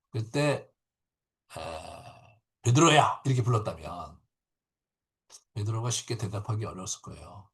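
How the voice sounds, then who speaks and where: A man, a pastor, teaching a Bible class over a video call in an animated way, acting out quotes and often checking in with his listeners. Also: medium pitch. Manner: animated, acts out quotes, frequent tag questions. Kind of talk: lively Bible lecture.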